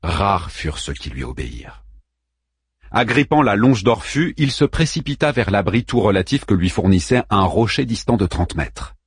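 A man narrating an audiobook in a steady, measured way. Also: lowish voice, husky, no room sound, studio quality. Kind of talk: scripted narration.

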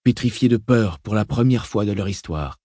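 A man narrates a story in a measured, dramatic way. His voice sits on the low side, and the recording is close and dry, with no room sound. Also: lively intonation, mellow, slightly rough, dry recording. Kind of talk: scripted audiobook narration.

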